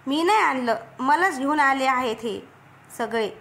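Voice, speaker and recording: A woman voicing a playful, mischievous young girl who talks loudly and teases. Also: high voice, lively intonation, measured pace, full character voice. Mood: teasing. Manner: loud, teasing.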